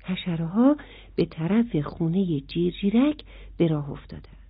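A woman narrating a children's story in an animated way, speaking to the children directly. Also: lowish voice, breathy edge. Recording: dry, phone-like sound.

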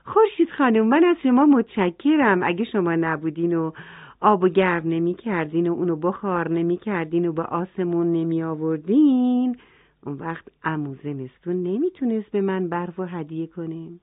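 The green Earth in a children's storybook, voiced by a woman, gentle and earnest in its thanks. The delivery sits slightly low. The sound is tinny like a phone call, and dry. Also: lively intonation, dry recording, lightly acted. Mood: eager.

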